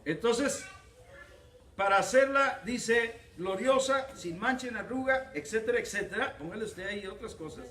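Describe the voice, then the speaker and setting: Joking Mexican pastor, high lively voice. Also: male voice, normal speed. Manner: joking, acts out little dialogues. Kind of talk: humorous sermon. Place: church hall. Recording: echoey church hall from far off, crowd laughing. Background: congregation laughing.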